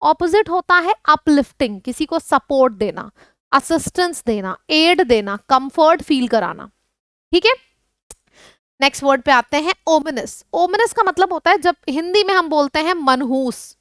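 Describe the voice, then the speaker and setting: A woman's voice: sits high, animated, normal speed, fairly bright tone, no room sound, studio quality. A woman with an Indian accent teaching an exam-prep vocabulary lesson. She runs through word lists and puts questions to the viewers. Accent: Indian English.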